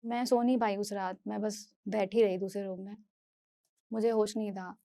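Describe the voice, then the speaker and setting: A woman from Delhi giving an earnest, halting first-person testimony as a speaker, often restarting and repeating her phrases. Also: medium pitch, fairly even intonation, gravelly, dark tone, dry recording. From Delhi, India. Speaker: speaker sharing a personal story.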